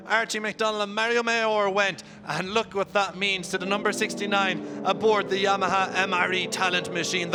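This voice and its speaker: A man giving live motorcycle race commentary as a motorsport commentator, with an animated, emphatic delivery. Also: sits high. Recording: clear vehicle noise throughout.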